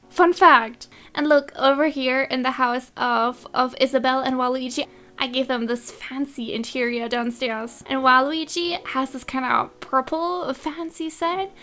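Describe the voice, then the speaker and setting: A young woman giving bubbly, excitable gameplay commentary and giggling often. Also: high-pitched. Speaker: gaming YouTuber.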